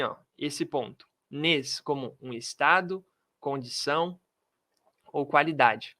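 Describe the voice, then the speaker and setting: Slow, dry-voiced man teaching English. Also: fairly high pitch, a bit bright, no echo. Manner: slow, drilling pronunciation with repetitions. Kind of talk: video lesson. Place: room with pens and a globe.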